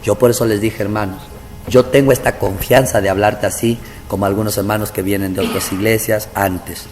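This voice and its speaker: A man's voice: on the low side, fairly even intonation, brisk, darkish tone. A man preaching a testimony sermon as pastor, telling his story earnestly and often calling out to his brothers. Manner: earnest storytelling, keeps addressing "hermano". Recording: reverberant hall with faint ambient noise.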